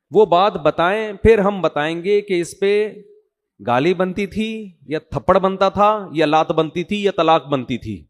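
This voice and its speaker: A middle-aged man, preaching in a chatty storytelling way and mimicking the people he quotes. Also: on the high side. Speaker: religious preacher. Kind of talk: sermon.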